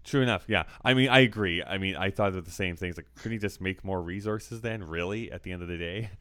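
A man with a very low, smooth and resonant voice, chatting casually about a movie. He talks earnestly and works through his thoughts, peppering them with "like." The tone stays conversational throughout. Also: a little fast, a bit bright. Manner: earnest, analytical, with many "like" fillers. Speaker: podcast co-host.

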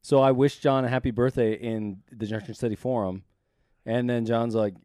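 A man's voice: mid-range voice, fairly even intonation, normal speed, warm tone, dry recording, studio quality. A man chatting casually as a co-host in slangy, bro-style talk. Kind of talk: casual chat.

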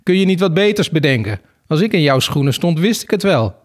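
A man's voice: on the high side, lively intonation, moderate pace, pitched above the performer's own voice. A man voicing a coarse, mocking adventurer from a children's book, reading aloud in a slightly raised voice. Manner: teasing, coarse. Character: blunt, mocking tall male adventurer.

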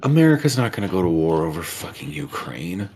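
Guy with a lowish voice, swears a ton, acts out what people say, casual chat. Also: a little fast, slightly rough. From United States. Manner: profane, animated, acts out quotes. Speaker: guest. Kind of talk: casual political discussion.

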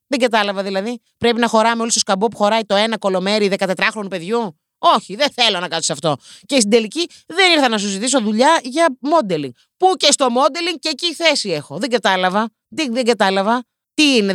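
A woman's voice: medium pitch, a bit bright, no room sound, clean studio sound. A woman hosting a podcast, delivering a comedic, sarcastic rant straight to her listeners, swearing casually and poking fun at herself. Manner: self-mocking, addresses listeners directly. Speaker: podcast host.

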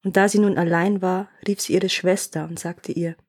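A woman storyteller hosting a podcast, reading an old fairy tale aloud in a calm, measured way. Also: fairly low pitch, husky.

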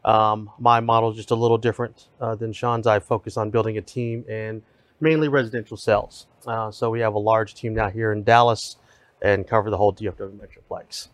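A man in his forties from Texas, a real estate team leader telling his story in a casual podcast conversation in a steady, matter-of-fact way. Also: lowish voice, a little fast, no room sound. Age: 40s.

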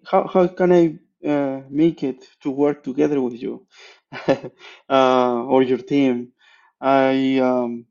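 A man from Peru leaves an earnest, polite voicemail, stopping often on fillers as he searches for words. His voice is mellow and of middle pitch. The recording is dull and lo-fi. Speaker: caller.

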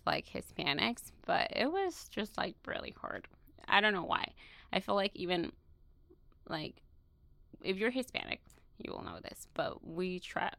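Chatty young woman from Peru, bright. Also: on the low side, creaky, no echo. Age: young adult. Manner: chatty, many fillers, laughs often. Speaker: student interviewee. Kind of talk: casual interview.

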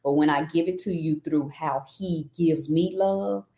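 Woman, podcast guest, low mellow voice, earnest, reflective. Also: measured pace. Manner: earnest, faith-filled, reflective. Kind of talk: casual interview chat.

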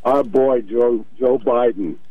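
A man calling a radio show over the phone, halting and repeating his words. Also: mid-range voice, no room sound. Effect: heard over a phone line. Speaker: caller. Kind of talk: radio call-in. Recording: tinny phone line.

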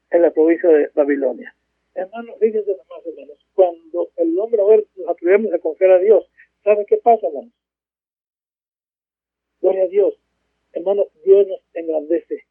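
A man's voice: sits high, no room sound. A man preaching a sermon from home, fervent, calling out to his brothers and crying praise between verses. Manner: fervent, repeats "hermanos" and bursts of "gloria a Dios, aleluya". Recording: dull, dry lo-fi recording.

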